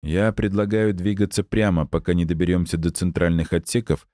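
A man voicing a cautious male squad member who plans the search calmly and deliberately, in an audiobook. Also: low voice, no echo, clean studio sound, close to an everyday voice. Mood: calm, reasoning.

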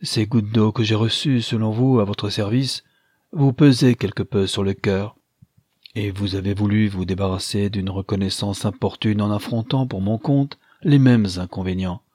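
A man's voice: fairly low pitch, fairly even intonation, normal speed, darkish tone, husky, no echo, clean studio sound. A man reading an audiobook, voicing a young engineer who banters playfully. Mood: teasing. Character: young male engineer, teasing and gallant.

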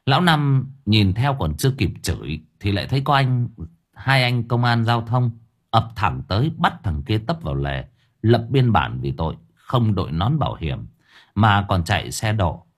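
A man narrating an audiobook story in expressive storytelling style. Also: fairly low pitch, moderate pace.

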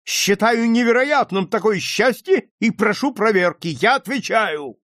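A man's voice: high voice, lively intonation, a little slow, fairly bright tone, no echo, studio quality, pitched above the performer's own voice. A man reading an audiobook, voicing a hot-headed young army officer who makes heated, insistent demands.

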